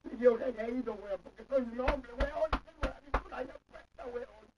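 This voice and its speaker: Chilean man, very high voice, lectures and curses nonstop, heard from far off on a dull recording. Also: normal speed, noisy background. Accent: Chilean Spanish. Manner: scolding, swears constantly, repeats himself. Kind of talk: heated comic argument.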